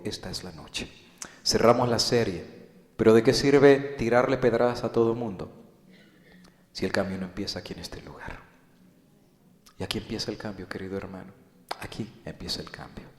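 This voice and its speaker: Male pastor, deep voice, sermon that swings from loud urgent appeals to whispered pleas, roomy church hall. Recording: echoey hall.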